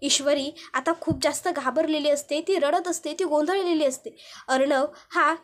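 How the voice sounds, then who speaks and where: A woman briskly retells a TV serial episode and moves the story along. Her voice is high. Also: steady tone. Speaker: narrator.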